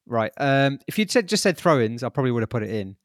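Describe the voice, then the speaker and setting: A man's voice: medium pitch, very animated, fast talker, no echo, studio quality. A man hosting a casual podcast chat, jokey and laughing often as he runs the segment. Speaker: podcast host.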